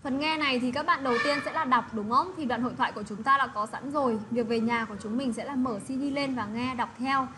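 A woman teaching an English lesson to children, repeating words slowly and checking that they understand. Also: high voice, background noise. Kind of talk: classroom lesson explaining vocabulary.

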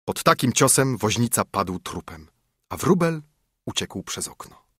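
A man reads a fairy tale with a lively, rising and falling delivery. His voice is slightly husky. The sound is dry and close, with no room around it. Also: fairly low pitch, measured pace, dry recording. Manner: expressive fairy-tale narration. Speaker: narrator. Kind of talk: storybook reading.

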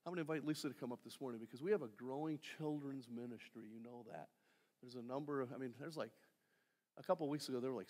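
A middle-aged male pastor delivers a relaxed, conversational sermon, throwing rhetorical questions at the congregation and dropping in light jokes. His voice rings out with a long reverb tail in a large sanctuary. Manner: conversational preaching with rhetorical questions, jokes and lively pitch swings. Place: church stage, large sanctuary.

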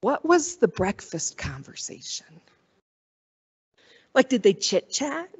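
A woman's voice: fairly high pitch, sing-song, takes it slowly, a little mellow, breathy edge. A woman pastor giving a sermon in a conversational way, wondering aloud and acting out the quoted voices.

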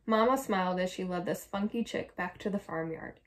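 A young adult woman reading a children's picture book aloud with clear, soft storytelling narration. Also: fairly low pitch, a little fast. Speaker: storybook reader.

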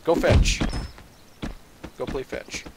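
A man's voice: slow, very noisy. A man giving casual, profane and joking commentary while playing a video game, often chuckling to himself. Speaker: let's play commentator.

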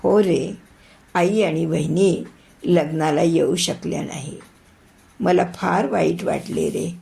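A woman's voice: fairly low pitch, slow pace, vocal fry, warm tone, full character voice. A woman voicing a caring elder sister who fusses over her brother in a spoken story. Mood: fussing. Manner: fussing, affectionate scolding.

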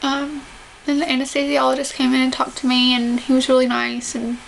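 A young woman chats to camera in a home recording with faint background noise. Her voice is high but stays flat in melody. She articulates carefully with limited jaw movement. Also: fairly quick, vocal fry. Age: young adult. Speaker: vlogger describing surgery recovery. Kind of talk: casual talk to camera. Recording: noisy home camera audio.

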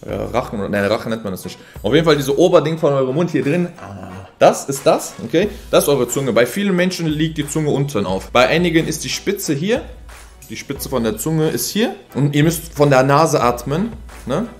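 A man with a slightly higher voice hosts a comedic reaction video. He rambles and jokes, jumping between loud, shouted bursts and low, muttered asides. The sound is a plain recording with nothing in the background. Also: big pitch swings, moderate pace. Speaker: reaction YouTuber host.

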